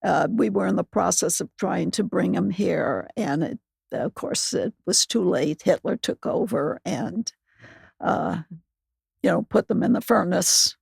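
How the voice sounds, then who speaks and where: A very old woman in her nineties with a gravelly, husky voice, talking haltingly and plainly as an interview guest. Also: lowish voice, darkish tone, no room sound. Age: 90s. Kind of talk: reminiscing in conversation.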